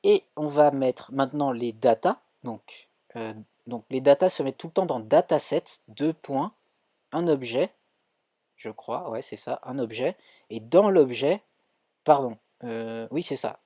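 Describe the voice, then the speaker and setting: A man's voice: mid-range voice, lively intonation, measured pace, mellow, no room sound. A man with a French accent teaching a live coding tutorial, thinking aloud with many fillers and self-corrections. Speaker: coding instructor streaming.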